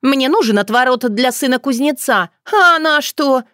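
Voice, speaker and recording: A woman voicing a brash, jealous young village girl who talks in a shrill, squabbling way. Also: big pitch swings, a little slow, no echo, clean studio sound. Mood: indignant. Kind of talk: audiobook character voice.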